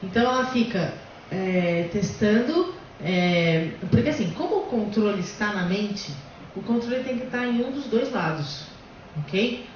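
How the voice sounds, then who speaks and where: A woman's voice: medium pitch, lively intonation, unhurried, slight background noise. A woman hosting a casual discussion, explaining bluntly and emphatically. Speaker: host. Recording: echoey, distant, dull lo-fi room.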